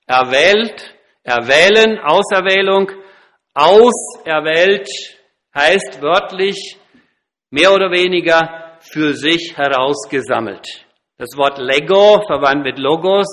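A male preacher delivers a sermon at an unhurried, measured pace. His voice is bright and slightly high for a man, and he teaches deliberately, pressing down on the key words.

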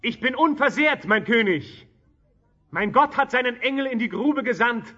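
High, bright, faithful survivor. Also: male voice, expressive, moderate pace, lo-fi sound, heavily acted. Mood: relieved, reverent. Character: faithful survivor calling up from a pit. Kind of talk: radio play acting.

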